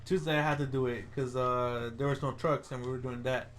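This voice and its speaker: A young man co-hosting a casual podcast, relaxed and swearing freely, laughing as he tells work stories. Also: medium pitch, a little fast, a little hiss or hum. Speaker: podcast co-host. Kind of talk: casual chat.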